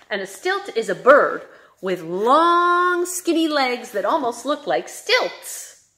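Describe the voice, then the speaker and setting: Reading to kids at story time, this young adult librarian sounds lively and sing-song, turning lines into questions. Her pitch leans high.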